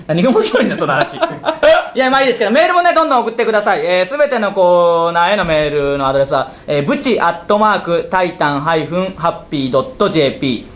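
A man hosting a comedy radio show with his duo partner, firing off quick retorts and laughing often while teasing him. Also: high voice, animated, fairly bright tone, echoey room. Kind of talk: casual comedic radio chat.

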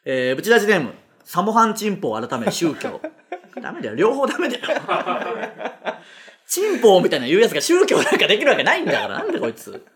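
A man hosting a casual comedy radio show, firing off quick, animated retorts and laughing rants. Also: sits high, crowd noise.

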